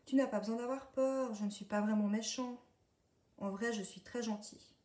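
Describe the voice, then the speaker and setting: A woman's voice: a little high, fairly even intonation, moderate pace, warm tone, voice pushed up, lightly acted. A woman reading a storybook aloud, voicing a naughty little male duckling in a sulky, cheeky way. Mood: eager. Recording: echoey room, distant mic.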